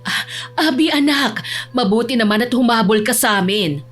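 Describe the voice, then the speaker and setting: A woman voicing a caring middle-aged mother who talks softly and dotingly. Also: on the high side, normal speed, soft background music, lightly acted. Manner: soft and doting.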